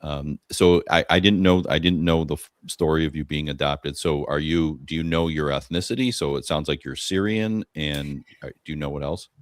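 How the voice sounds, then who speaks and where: A man's voice: rumbling low, fairly even intonation, moderate pace, hardly any pauses. A man hosting an interview, talking conversationally with stammered restarts. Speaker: host. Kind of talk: casual interview talk.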